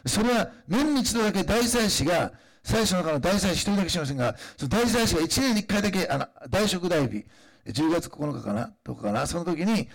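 A pastor preaches a sermon conversationally, often pausing with fillers before rising into emphatic declarations. His voice is a little high and creaky.

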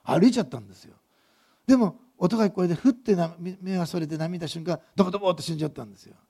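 A man's voice: high-pitched, rapid-fire, gravelly, warm tone, breathy edge. A male pastor preaching a sermon, telling the story vividly and asking the congregation questions as he goes.

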